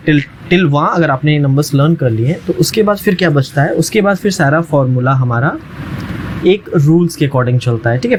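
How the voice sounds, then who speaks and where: A man teaching a language lesson, patiently repeating each word slowly and often checking that the learner follows. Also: a little high, slight background noise, rough recording. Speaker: French teacher. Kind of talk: language lesson explained in Hindi.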